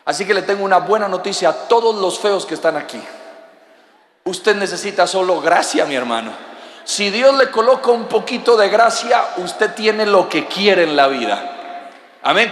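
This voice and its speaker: Male preacher, high voice, bright ringing tone, long reverb of a big hall. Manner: animated preaching, bursts of shouting, joking with the congregation. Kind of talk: sermon.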